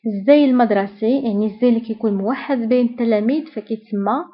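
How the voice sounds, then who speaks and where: A woman with a Moroccan Arabic accent teaching French vocabulary, saying each word clearly and repeating it several times. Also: on the high side, quick pace, lo-fi sound. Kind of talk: vocabulary lesson, repeating words slowly.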